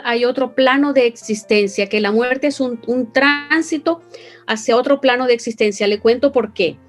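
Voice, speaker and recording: A woman's voice: a little high, darkish tone. A Venezuelan woman with a Venezuelan accent, earnestly telling an emotional personal story as an interview guest. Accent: Venezuelan Spanish. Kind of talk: personal testimony.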